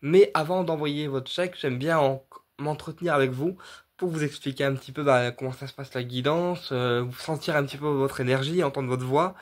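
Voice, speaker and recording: A man's voice: mid-range voice, fairly quick. A man, a medium casually explaining his readings straight to his viewers, rambling with many fillers, restarts and repetitions. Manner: addresses viewers directly, checking in with "d'accord". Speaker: medium offering paid readings. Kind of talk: casual direct-to-camera explanation.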